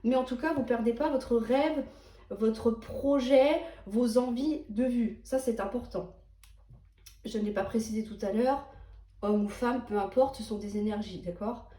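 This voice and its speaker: A woman's voice: on the high side, measured pace, warm tone, echoey room. A woman giving a chatty, reassuring tarot reading, often checking in with her listener. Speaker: tarot reader. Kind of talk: tarot card reading monologue.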